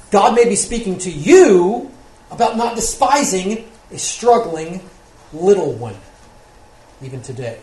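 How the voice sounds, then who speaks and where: A man's voice: high voice, darkish tone. A man preaching a sermon as pastor, earnest, often asking rhetorical questions and checking in with "right?". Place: church sanctuary. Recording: roomy church recording with faint noise.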